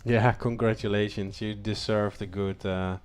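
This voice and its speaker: A man hosting a live racing league stream, talking with many fillers and stumbles, sometimes shouting drivers' names. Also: on the low side, little pitch movement, moderate pace, clean tone, soft background music. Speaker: race league host. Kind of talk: live post-race chat.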